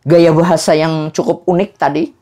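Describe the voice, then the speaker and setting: A man from South Kalimantan, explaining traditional theater in a lively way, with frequent "eh" fillers. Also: fairly high pitch, normal speed. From South Kalimantan, Indonesia. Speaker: cultural presenter.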